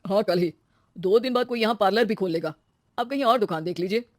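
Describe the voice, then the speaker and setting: A woman's voice: medium pitch, quick pace, darkish tone, dry recording, clean studio sound, close to an everyday voice. A woman voicing a blunt, businesslike male shopkeeper in a cartoon story. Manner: blunt, matter-of-fact.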